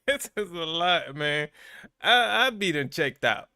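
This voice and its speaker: A man's voice: high-pitched, pushed and bright, no room sound, clean studio sound. A man hosting a live-stream reaction to bodycam videos, talking back at the people on screen and chuckling.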